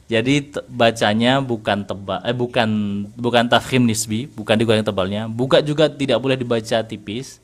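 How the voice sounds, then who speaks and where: A mid-pitched Indonesian man teaches an interactive online Quran recitation class at normal speed. He patiently corrects his student, poses leading questions, and chuckles now and then while explaining.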